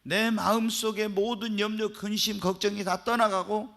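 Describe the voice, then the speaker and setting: Male pastor, fairly high voice, lively sermon delivery that rises and falls and quizzes the flock. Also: moderate pace, vocal fry. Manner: animated preaching, asks the congregation questions and swings between hushed and loud. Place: church.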